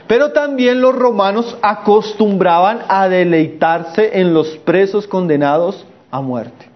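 High-voiced man preaching, muffled recording. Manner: emphatic preaching, drops low for stress, slows to read scripture. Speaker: pastor. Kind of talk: sermon.

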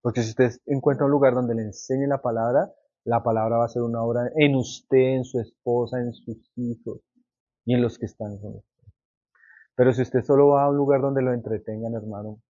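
A man preaching a sermon with passion, swinging between loud emphatic lines and quiet low ones, calling his listeners brothers. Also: steady tone, moderate pace, lo-fi sound. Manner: repeats and addresses listeners as brother.

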